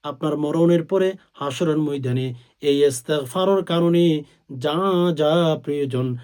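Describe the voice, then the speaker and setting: A man preaching a sermon, talking straight to his listeners as friends, swelling to loud, drawn-out stresses and chanting short Arabic phrases slowly. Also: on the high side, smooth. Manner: swells to loud, drawn-out emphasis on key words; addresses listeners directly as friends.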